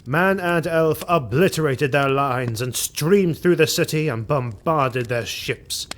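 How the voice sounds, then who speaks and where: In a fantasy audio drama, a male actor plays a grim, vengeful Imperial army officer recounting the war. His voice is on the high side, and he speaks solemnly, formally, and with deliberate emphasis in a grave mood. Slight background noise can be heard.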